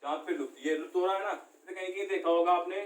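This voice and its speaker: A man's voice: high-pitched, steady tone, quick pace, a little hiss or hum. A man teaching a classroom lesson, asking questions and answering them himself. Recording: echoey room, far from the mic.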